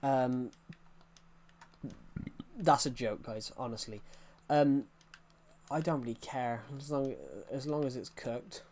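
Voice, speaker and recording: A man's voice: mid-range voice, slow pace, pauses often, darkish tone. A man in his early twenties chatting casually on a game livestream, rambling and reacting to chat messages. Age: early 20s.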